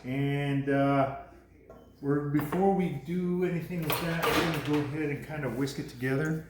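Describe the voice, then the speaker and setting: Hosting a home cooking show from his own kitchen, this man talks at a moderate pace in a fairly high, steady voice. He rambles casually and laughs off his small mistakes as he fixes them, with echo and clear background noise in the recording.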